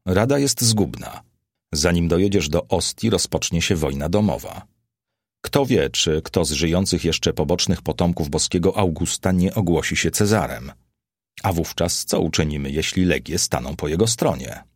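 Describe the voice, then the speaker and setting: A scheming Roman prefect from an audiobook, read by a man, cold and quietly threatening. His voice is very low and husky, recorded close and dry. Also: moderate pace, dry recording.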